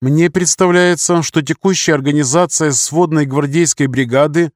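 A man's voice: on the high side, steady tone, moderate pace, no room sound, clean studio sound, voice pushed up, lightly acted. A man voicing a young male English officer who speaks formally and pedantically, like a lecturer. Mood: lecturing.

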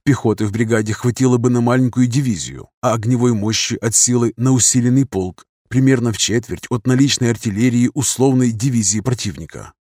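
A man reading a military novel aloud as scripted narration, in an even, steady manner. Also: medium pitch, brisk, few pauses, no echo, studio quality. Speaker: audiobook reader.

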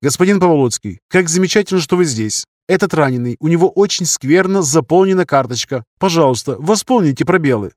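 A man's voice: a little high, expressive, fairly quick, hardly any pauses, a little mellow, dry recording, pitched above the performer's own voice, lightly acted. A man voicing an eager, doctrinaire young male surgeon who talks earnestly and insistently.

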